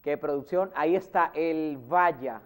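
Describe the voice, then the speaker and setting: A man's voice: a little high, measured pace. Man, Venezuelan accent, TV interviewer, short prompts. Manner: steers the talk with short prompts and backchannels. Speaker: TV host and interviewer. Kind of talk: local TV interview.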